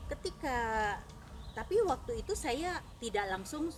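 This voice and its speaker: A woman giving a personal faith testimony as a lively storyteller who acts out the dialogue. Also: sits high, unhurried. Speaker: ministry speaker. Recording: noisy background.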